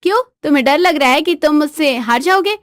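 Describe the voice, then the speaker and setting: A woman voicing a bratty, defiant young newlywed wife in a bedtime storybook tale, cheeky and shrill. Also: expressive, fairly quick, dry recording, studio quality. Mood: sassy.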